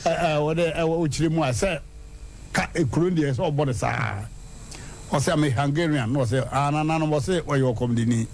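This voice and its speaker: A man hosting a radio show, telling a story in a lively way and leaping high in pitch for punchlines. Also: normal speed, slight background noise. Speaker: radio host. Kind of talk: animated radio storytelling and proverbs. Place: radio studio.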